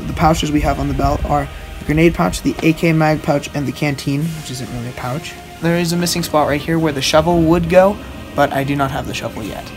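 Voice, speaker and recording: A young man giving a casual, halting show-and-tell as a video host, recorded outdoors at a short distance from the camera. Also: on the high side, over music. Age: teenager or young adult. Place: outdoors on a wooden backyard deck.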